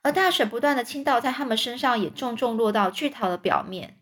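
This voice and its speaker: A woman reads a children's storybook aloud in a gentle, plain voice. She often stops to explain words in simple terms for young listeners. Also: on the high side, animated, brisk. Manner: gentle, with fillers and restarts. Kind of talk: reading a children's book aloud.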